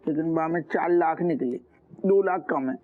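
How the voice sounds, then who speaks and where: Guy playing rustic cop sucking up to his boss, kinda high voice, muffled tv sound. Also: normal speed, lightly acted. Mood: deferential. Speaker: police officer. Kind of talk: sitcom acting.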